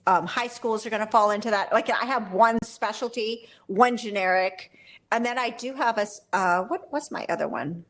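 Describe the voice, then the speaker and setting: Here the guest expert, who runs a photography business, speaks in a mid-range voice at normal speed, rambling through a casual interview and correcting herself with frequent little laughs. For a moment she coughs and her voice turns hoarse.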